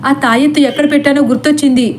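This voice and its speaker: A woman's voice: sits high, fairly even intonation, a little hiss or hum, voice pushed up, lightly acted. Woman voicing a panicky young woman. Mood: panicked. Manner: frantic, hurried pleading.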